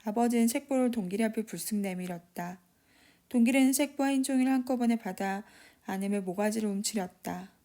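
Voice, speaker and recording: A woman giving a steady, measured scripted narration of a short story. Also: a little high.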